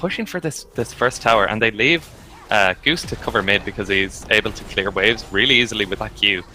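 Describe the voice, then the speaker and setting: A man's voice: on the low side, brisk, bright, forceful tone, slight background noise. A man with a west of Ireland accent giving casual, chatty game commentary with joking banter as an esports co-caster.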